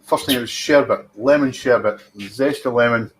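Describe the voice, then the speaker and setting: A man's voice: mid-range voice, moderate pace, slight background noise. A Scottish man hosting a whisky tasting, talking in a chatty, teasing way and savouring his descriptions. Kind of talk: casual tasting commentary.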